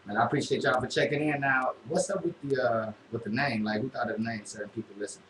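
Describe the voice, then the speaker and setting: A man's voice: medium pitch, fairly even intonation, fast talker. Man, radio host, loose drawling chat, echoey studio, faint hiss. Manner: laid-back, drawling, many fillers. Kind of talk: casual interview chat. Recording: echoey room, faint noise.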